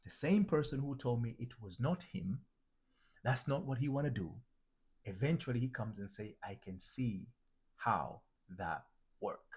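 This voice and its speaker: Speaking at a measured pace, this Tanzanian identity transformation coach has an animated, medium-pitched male voice that is darkish and husky. His motivational teaching monologue is reflective, circling back over its points, and he repeats and restarts phrases while working toward each one.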